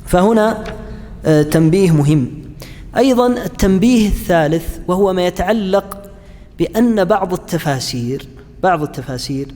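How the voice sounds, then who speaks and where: A man teaching a class on Quranic interpretation, pausing often with fillers and restarts and asking his students questions. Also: high-pitched, a little mellow, long reverb tail. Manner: halting, frequent fillers and restarts, chats with students. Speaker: Islamic studies lecturer.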